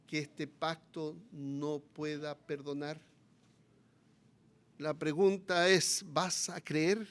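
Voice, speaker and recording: A pastor with a Chilean accent preaches a sermon, swinging between loud, impassioned appeals and quiet, low passages.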